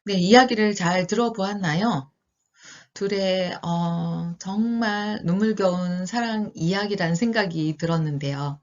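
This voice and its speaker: A woman in her fifties, an elementary school teacher, reading a picture book aloud and then talking it over gently with children, pausing often with fillers. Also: medium pitch, dull audio. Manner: gentle, questioning teacher talk with many pauses and fillers.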